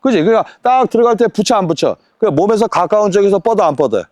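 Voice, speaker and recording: A man coaching a tennis lesson on court, counting drills and firing quick rhetorical questions at his student. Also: sits high, lively intonation, darkish tone, no room sound, clean studio sound.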